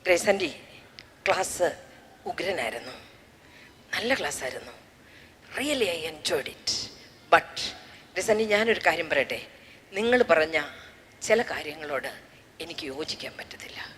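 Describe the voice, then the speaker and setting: A woman playing a quiet, earnest schoolboy. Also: deep voice, big pitch swings, measured pace, long pauses, big-room sound, a little hiss or hum, pitched below the performer's own voice, heavily acted. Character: earnest young schoolboy of eighth grade.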